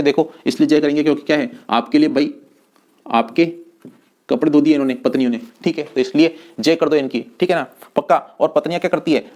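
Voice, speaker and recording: A man's voice: fairly high pitch, a little mellow. Coaxing, repetitive man teaching a class. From India. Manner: asks students questions and answers in their voice; repetitive, coaxing, calls students "my children". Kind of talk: exam-prep lesson with a memory story.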